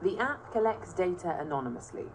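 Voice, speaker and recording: A woman with a British accent presenting and narrating a documentary in a clear, measured, explanatory way. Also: fairly low pitch, very animated, slight background noise, low-quality recording. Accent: British English. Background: documentary music.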